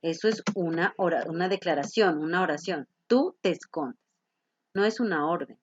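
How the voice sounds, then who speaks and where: A woman's voice: lowish voice, normal speed, lo-fi sound, slight background noise. A woman teacher explaining grammar to a class, patiently checking in with her students as she goes. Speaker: English teacher.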